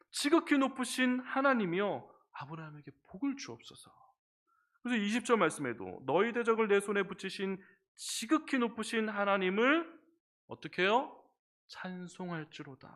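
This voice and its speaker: A middle-aged man preaching a sermon as pastor in a church, conversational and lively, often asking the congregation questions. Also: high-pitched. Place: church sanctuary.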